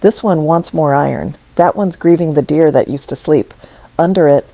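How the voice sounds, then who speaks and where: A woman voicing a quiet, rough-voiced young man. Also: sits low, dry recording. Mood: gentle. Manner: hushed, halting. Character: quiet grieving young man, gentle farmhand.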